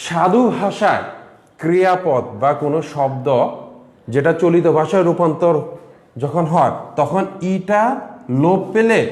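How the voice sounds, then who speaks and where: A male college teacher giving a recorded lesson, explaining step by step and asking questions that he then answers himself while writing on a board. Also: high voice. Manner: writes on a board while talking. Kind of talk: online lesson on Bengali pronunciation. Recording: echoey room.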